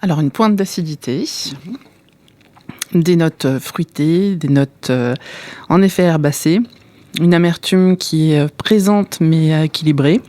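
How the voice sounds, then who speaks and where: A woman's voice: low-pitched, dark tone. French woman describing a beer tasting. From France. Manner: slow, descriptive, with hesitations. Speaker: beer shop owner. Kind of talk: tasting commentary.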